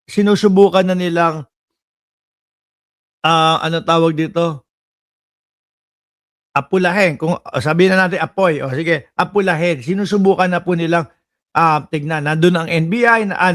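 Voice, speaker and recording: A Filipino man giving casual political commentary in an animated, mocking way. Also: fairly high pitch. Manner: animated, mocking, shifts loud and soft.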